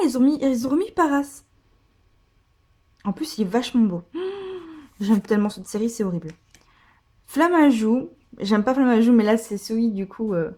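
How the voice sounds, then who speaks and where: This card-opening vlogger has a warm, medium-pitched voice. She gives casual pack-opening commentary, gushing over the cards she pulls and filling her chatter with lots of fillers.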